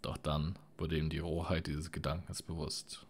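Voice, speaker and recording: A man reading a fantasy audiobook in a steady, measured storytelling manner. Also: very deep voice, a little hiss or hum. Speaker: audiobook narrator. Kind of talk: scripted audiobook narration.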